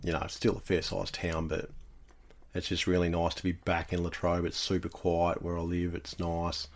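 Australian man, tradesman manner, deep pitch, little melody, laconic, casual chat. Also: completely flat delivery, moderate pace. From Tasmania, Australia. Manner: laid-back, laconic Aussie tradesman talk. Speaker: podcast guest, painting tradesman.

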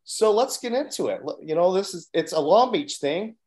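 A man's voice: high voice, lively intonation, moderate pace, darkish tone. A man hosting a local podcast, asking questions in an upbeat, enthusiastic way. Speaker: podcast host. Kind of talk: casual interview hosting.

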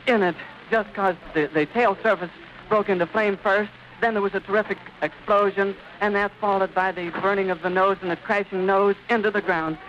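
A man's high-pitched, slightly bright voice carries a live radio report from outdoors at an airfield. He narrates with the vivid, descriptive flair of an old-time announcer, captured on a muffled, noisy 1930s archive recording.

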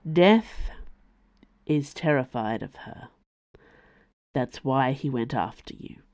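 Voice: medium pitch, expressive, slow pace, a little mellow. A storyteller voicing a weary, blunt man who speaks with dry understatement.

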